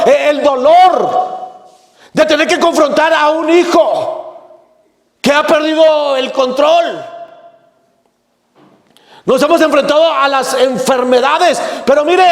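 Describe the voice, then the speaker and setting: A male pastor with a Mexican accent preaching a sermon emphatically, repeating his opening words and breaking into shouts. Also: extremely high pitch. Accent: Mexican Spanish. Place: church sanctuary. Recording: echoey church with long reverb.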